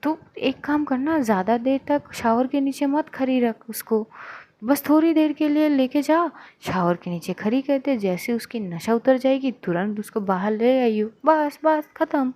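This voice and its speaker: A bossy young woman friend who insists she is right and pushes her advice without pause, as a woman storyteller puts her on. Her voice sits a little higher than ordinary talk. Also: lively intonation, a little mellow. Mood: insistent. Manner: pushy, insistent.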